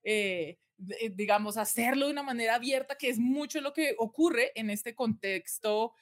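Brief: woman, podcast guest, higher voice, earnest storyteller who keeps checking in with "¿sí?". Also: moderate pace. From Colombia. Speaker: guest, communication and personal branding expert. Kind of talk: conversational podcast interview.

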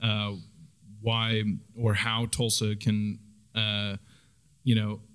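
A man talking casually as a podcast host, relaxed and rambling with lots of fillers. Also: fairly low pitch, very slow, clear, resonant tone. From Oklahoma. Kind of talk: casual chat.

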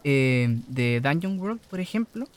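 A man's voice: on the high side, very animated, measured pace. A Chilean man, a podcast co-host and game master, telling a rambling story in casual chat, tagging phrases as he goes. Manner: rambling, tags phrases with tag questions.

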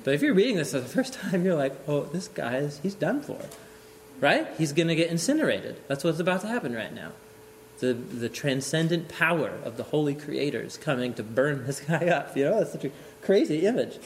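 A man teaching an informal lecture on scripture, animated and often chuckling, thinking aloud with restarts. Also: fairly high pitch, a little fast, slight background noise. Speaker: Bible teacher.

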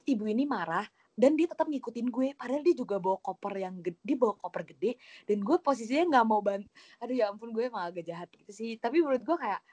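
A young woman telling a story in casual chat, animated and full of acted quotes. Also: on the high side, fast talker, husky, no room sound.

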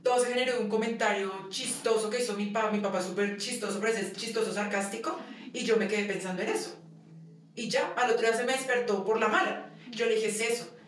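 This fast-talking young woman has a fairly high, steady voice. As a guest in an informal interview, she tells stories from her own life, voicing the dialogue and frequently breaking into laughter. The sound comes from far away in an echoey room, with some noise.

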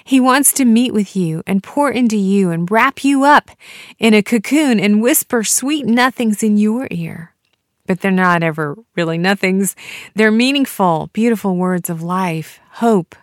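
A woman hosting a solo devotional podcast, talking in a heartfelt, earnest way with soft laughs. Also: mid-range voice, no room sound, clean studio sound. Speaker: podcast host.

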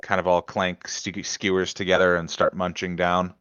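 Rich: A man with a low, bright and crisp voice narrates a tabletop game as game master. He hedges and restarts with plenty of fillers. The call audio is dry and a little dull. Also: level tone, no room sound. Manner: halting, hedging narration with many fillers.

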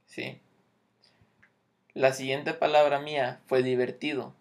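Male English teacher, unhurried, mid-pitched, patient explainer. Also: level tone. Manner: slow, patient, checks in with "¿ok?". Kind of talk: explaining English grammar lesson.

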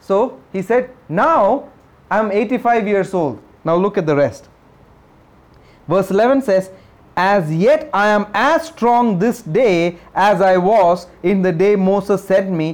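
A man with a high-pitched voice preaching a sermon. He stresses his points by repeating them and asks his listeners questions along the way. He also reads scripture aloud. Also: takes it slowly. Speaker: pastor.

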